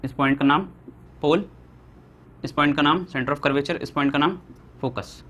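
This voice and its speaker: A young Indian man teaching a physics lesson at a board, asking questions and answering them himself, slowing down to dictate definitions. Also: on the high side, steady tone, fairly bright tone. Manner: asks students questions and answers them himself, repeating key points.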